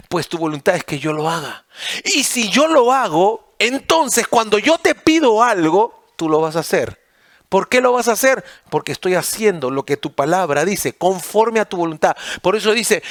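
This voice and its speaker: A man with a Peruvian Spanish accent preaching a sermon as pastor, swinging between raised, emphatic lines and hushed, pleading ones. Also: high-pitched, no echo, studio quality.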